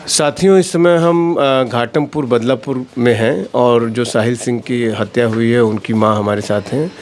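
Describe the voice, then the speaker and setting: A man's voice: medium pitch, a little slow, a little mellow. A man with a mid-range voice reports from the field as a local news reporter. He speaks steadily and asks pointed questions of the person he is interviewing.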